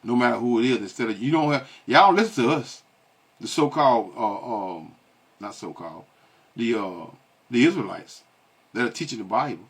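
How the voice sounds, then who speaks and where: A man's voice: medium pitch, animated, normal speed, breathy edge. A man giving blunt, scolding commentary on video clips, who keeps asking rhetorical questions and repeats himself. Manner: blunt and scolding, with many stalling fillers. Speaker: online religious commentator.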